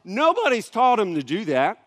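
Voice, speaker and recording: A man in his thirties preaching a sermon, telling a family story in a relaxed, conversational way with asides to the congregation. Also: high voice, moderate pace. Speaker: pastor. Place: church sanctuary. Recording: long church hall reverb.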